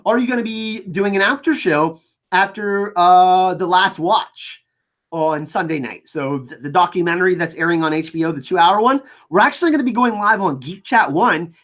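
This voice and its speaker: With a French Canadian accent and a fairly bright, mid-range tone, the host of a casual livestream chats loosely. Viewer comments get read aloud, and the speech is full of halts and repeated words.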